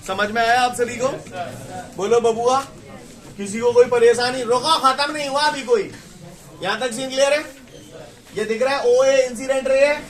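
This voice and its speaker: A man teaching a physics class who dictates slowly and keeps asking if it is clear. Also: extremely high pitch, distant mic. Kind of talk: classroom lecture.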